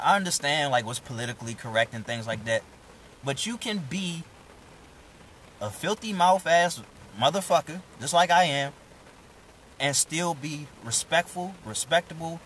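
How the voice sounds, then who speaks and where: A man's voice: a little high, a bit bright, a little hiss or hum, rough recording. Profane streetwise man giving a pep talk. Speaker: vlogger. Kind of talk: casual motivational live stream.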